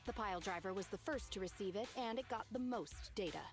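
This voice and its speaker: Measured woman engineer, video game acted, music behind. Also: medium pitch, close to an everyday voice. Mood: calm, concerned. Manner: measured, explanatory. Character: calm, caring, analytical adult woman machine engineer. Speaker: game character, machine engineer. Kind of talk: scripted video game dialogue. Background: background music.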